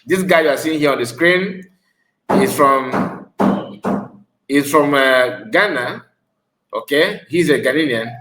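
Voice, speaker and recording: A man's voice: medium pitch, takes it slowly, long pauses, sharp tone, echoey room, poor audio. A man with a Nigerian West African accent giving informal, emphatic reaction commentary, repeating phrases for stress. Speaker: online video commentator.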